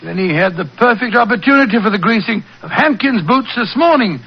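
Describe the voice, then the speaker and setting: Older English gentleman doctor, high-pitched, kindly and fussy, vintage radio acting, dull broadcast recording. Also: animated, a little fast, husky, heavily acted. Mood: earnest, bemused. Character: genial older English doctor, bemused loyal sidekick. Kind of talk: 1940s radio acting and storytelling. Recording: muffled old-time radio broadcast.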